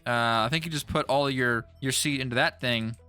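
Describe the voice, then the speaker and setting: A young gaming YouTuber, jittery from an energy drink, gives casual gameplay commentary. His medium-pitched voice is brisk, bright, pushed, and smooth, as he rambles, stutters, and repeats words talking to himself, with faint music behind.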